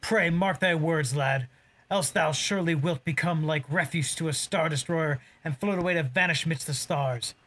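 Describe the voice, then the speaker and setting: An actor playing a cocky, roguish young smuggler captain, delivering boastful Shakespearean verse. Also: male voice, a little high, normal speed, a bit bright. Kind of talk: audio drama acting in verse.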